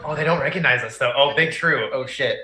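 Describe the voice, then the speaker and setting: A man's voice: mid-range voice, pushed and bright. A man playing a tabletop roleplaying game, chatting casually and rather hesitantly. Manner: hesitant, halting. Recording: roomy echo, faint music behind.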